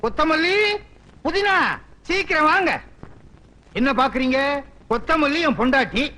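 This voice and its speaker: A wisecracking village husband. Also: male voice, very high-pitched, expressive, moderate pace, sharp tone, exaggerated voice. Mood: sarcastic. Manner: sarcastic wisecracking retorts. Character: bumbling village husband, quick-tongued and sarcastic. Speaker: comic lead.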